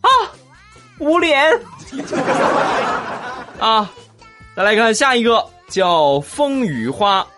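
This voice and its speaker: A man's voice: high voice, very animated, drawn-out words, pauses often, music in the background. A man hosting a comedic podcast, reading listener comments with teasing jokes and frequent laughter. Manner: jokey, laughs often, teasing asides. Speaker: podcast host.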